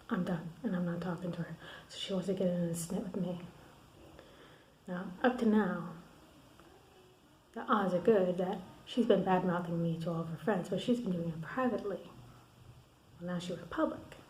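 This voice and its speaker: Woman, video diary, frustrated venting with swearing, half-whispered, echoey room, faint hiss. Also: fairly low pitch. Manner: drops to a hushed, half-whispered voice. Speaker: vlogger. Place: her room at night.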